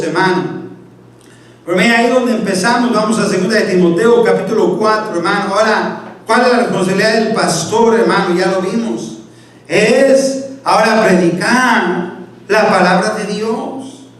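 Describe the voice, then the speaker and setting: A man preaching a sermon as pastor, reading scripture and constantly calling out to his listeners as brother. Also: sits high. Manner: repeatedly addresses listeners as "hermano"; reads scripture and asks the congregation "¿sí o no? Amén". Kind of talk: Baptist sermon. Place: church sanctuary. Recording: very echoey church, mic at a distance.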